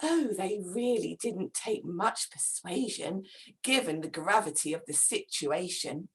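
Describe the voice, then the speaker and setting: A smug, unflappable old Mrs Christmas, put on by a woman soothes her husband and brags in rhyme. Her voice sits lower and softer than the rest of the reading, and it moves at a slow storybook pace. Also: expressive. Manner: soothing, then smug bragging.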